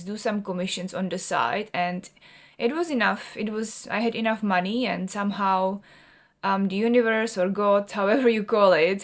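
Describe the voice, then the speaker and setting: A woman in her thirties from the Czech Republic, a native Czech speaker, talking to camera in earnest and rambling fashion with many restarts. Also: mid-range voice. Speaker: artist and vlogger. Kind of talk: personal talk to camera.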